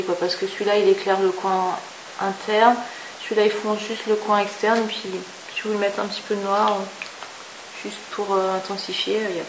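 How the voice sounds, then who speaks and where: A woman chatting enthusiastically through a makeup review, with many fillers and asides. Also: mid-range voice. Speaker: beauty vlogger. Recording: echoey room with faint hiss.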